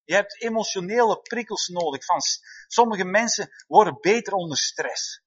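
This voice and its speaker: Male pastor, higher voice, animated sermon style with frequent amens, dull lo-fi recording. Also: moderate pace, breathy edge. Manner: lively, calls out "amen" and "hè?" to the congregation. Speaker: preacher. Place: church hall before a congregation. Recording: dull, slightly lo-fi sound.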